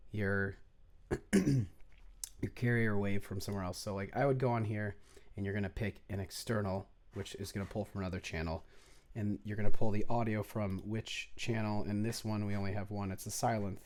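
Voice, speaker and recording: A man with a fairly low voice talks through a music production tutorial in an offhand, unpolished way. He rambles, restarts sentences and mutters to himself while hunting for settings on screen. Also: fairly even intonation, moderate pace, darkish tone. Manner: rambling, self-correcting, mutters to himself while clicking around. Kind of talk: casual screen-share tutorial.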